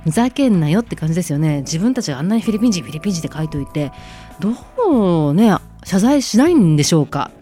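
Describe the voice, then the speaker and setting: A woman's voice: fairly low pitch, sing-song, fast, mellow. A woman hosting a talk radio show, giving casual news commentary in sarcastic, outspoken rants. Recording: faint music underneath.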